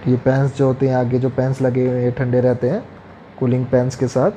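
Man in his thirties, seller explaining equipment to camera; mellow, darker tone, steady instructive delivery, lapel mic in a small room. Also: medium pitch, brisk, slight background noise. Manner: steady, instructive, listing items.

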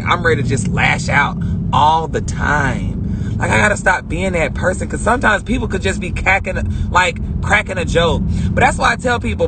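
A woman hosting a casual live stream from inside her car on a phone, talking in a brash, joking, profane way. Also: lowish voice. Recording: car noise behind.

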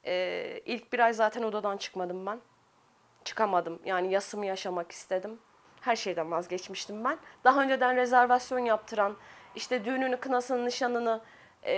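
Earnest Turkish businesswoman, fairly high voice. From Turkey. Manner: earnest, reflective, pausing with fillers. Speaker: business owner. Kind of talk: news interview testimony.

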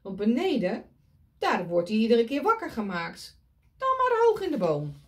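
A woman's voice: on the high side, huge pitch swings, normal speed. A woman reading a picture book aloud to children, pointing at the pictures and asking them questions.

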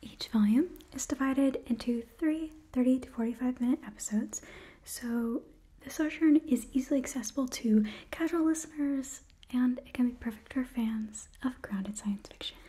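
An ASMR creator in young adulthood reads a sponsor script in a whisper right up against the mic. Her voice is high, warm and husky, at a moderate pace.

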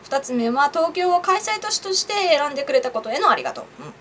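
A young woman vlogger talks on her own to viewers in casual solo commentary to camera, laughing at her own jokes and asking them questions. Her voice sits high and is very animated and fast, with a little hiss or hum underneath.

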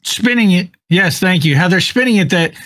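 A man co-hosts a talk stream in a high-pitched voice. He chimes in casually with sarcastic quips and mock agreement. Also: lively intonation, fairly quick, bright, forceful tone. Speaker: co-host.

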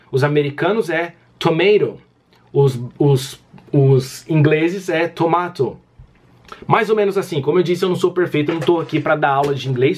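Husky Brazilian man in his thirties ranting. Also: fairly high pitch. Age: 30s. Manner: exasperated, emphatic, repeats himself. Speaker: gaming YouTuber. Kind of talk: casual vlog rant to camera.

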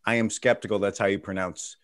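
A man's voice: on the low side, fairly even intonation, fast talker, fairly bright tone, dry recording, studio quality. A middle-aged man doing casual stand-up comedy over a video call, self-mocking and laughing at his own jokes. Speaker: stand-up comedian hosting a virtual show.

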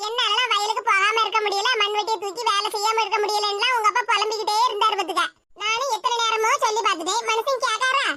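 A woman's voice: very high voice, fairly even intonation, fast talker, pushed and bright, no echo, studio quality. A woman voicing a fussing, scolding village mother in a cartoon, with a Tirunelveli Tamil accent. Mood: grumbling. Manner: scolding, grumbling. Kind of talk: cartoon voice acting.

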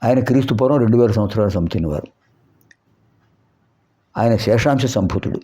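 Low mellow man teaching Sanskrit. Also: slightly rough. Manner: repeats sounds slowly for pronunciation drills; asks rhetorical questions. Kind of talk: explanatory lesson. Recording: dull lo-fi recording.

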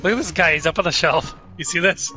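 A man playing a shooter game with a friend, excitable, shrieking and yelping in panic. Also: a little high, fast, rough recording. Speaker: gamer. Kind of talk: casual gameplay chatter. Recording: game music under voice. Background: game music and gunfire.

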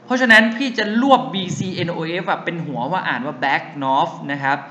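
A man's voice: a little high, sing-song, moderate pace, sharp tone, reverberant, highs cut off. A young man teaching chemistry to a class, drilling memory tricks in a sing-song chant and calling himself their big brother. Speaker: chemistry tutor.

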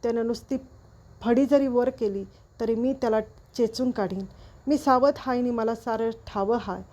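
A woman's voice: on the high side, fairly even intonation, moderate pace, a little mellow, natural voice. A woman voicing a bold young village hero. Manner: plain village dialect, confident.

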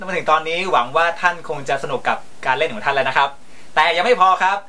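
A man's voice: fairly high pitch, quick pace, pushed and bright. A young adult man presenting slapstick comedy to camera, with a mock-formal manner of instructing and egging viewers on. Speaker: comedy host. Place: small home room, indoors.

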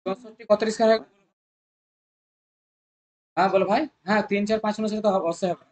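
Coaching-centre math tutor, mid pitch, rapid, drills students with constant questions. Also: steady tone, a little mellow. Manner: coaxing, repetitive. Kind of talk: exam-prep math lesson.

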